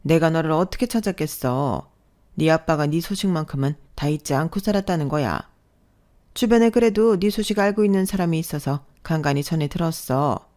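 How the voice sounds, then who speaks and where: Woman reading a nagging middle-aged aunt, insistent and reproachful, lowish voice, radio-story drama. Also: fairly quick, dark tone, close to an everyday voice. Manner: insistent, reproachful guilt-tripping. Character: pushy middle-aged aunt, guilt-tripping and pleading.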